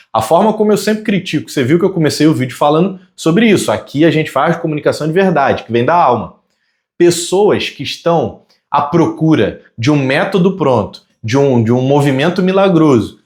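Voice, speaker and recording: Talking straight to camera, a Brazilian man who works as a communication consultant delivers a relaxed teaching monologue. His voice is fairly high; he describes himself as a fast talker, yet he eases off on key words and keeps throwing out rhetorical questions.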